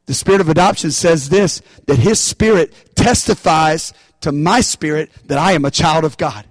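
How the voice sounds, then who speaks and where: A man's voice: on the high side, moderate pace, low-quality recording. A man preaching a sermon, calling out to the congregation for responses and rising into bursts of emphasis. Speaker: pastor.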